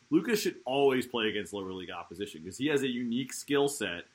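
A man's voice: fairly low pitch, pushed and bright, low-quality recording. A man with a Baltimore accent hosting a casual sports podcast panel in a wry, joking manner. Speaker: podcast host.

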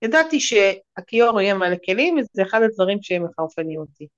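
A woman in a group, earnestly sharing a personal story, halting and full of fillers. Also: mid-range voice, sing-song, dull audio. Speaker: group participant.

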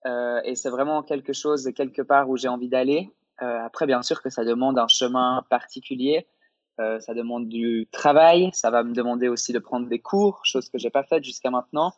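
A man's voice: medium pitch, steady tone, moderate pace, no room sound, highs cut off. A young man from Switzerland, answering interview questions in a casual, hesitant way full of fillers and restarts. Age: young adult. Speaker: guest, aspiring actor.

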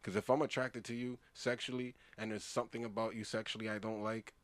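Low-voiced slangy man in his thirties. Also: flat delivery, fast talker. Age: 30s. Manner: slangy, profane, repetitive. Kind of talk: casual group banter and storytelling.

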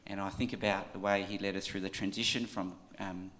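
Australian man, low voice, church leader, informal address, halting and conversational, checks in with listeners. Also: flat delivery, a bit bright. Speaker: church leader giving a farewell tribute.

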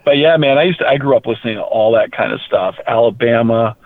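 A man from rural Maine, a heavy metal musician, talking casually in an interview, animated and quick to repeat words. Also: medium pitch, no room sound. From rural Maine, USA. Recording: tinny phone-like line.

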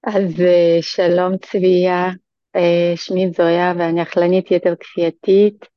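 A woman's voice: fairly low pitch, flat delivery, dull audio. A woman speaking as a podcast guest in an earnest, hesitant way, with many restarts. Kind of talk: casual podcast chat.

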